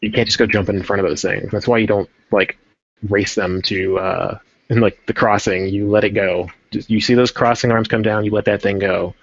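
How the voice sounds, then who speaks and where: A rambling, chatty man hosts a casual livestream with a low voice. The audio is dry and a bit dull, the stream sound lo-fi. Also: steady tone, brisk, dry recording. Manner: rambling, chatty, self-interrupting. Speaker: livestream host painting a 3D model.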